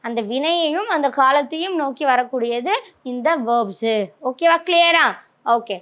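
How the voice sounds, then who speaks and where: A woman with a Tamil accent gives an English grammar lesson in a very high voice. She explains each point step by step and keeps checking whether her students follow. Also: moderate pace, a bit bright, dull audio. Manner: checks understanding with frequent "okay?".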